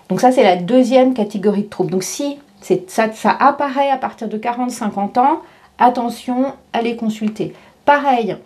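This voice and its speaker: A woman's voice: on the high side, dark tone. A woman in her fifties explaining in a casual vlog, chatty, with many fillers and restarts. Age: 50s. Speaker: vlogger.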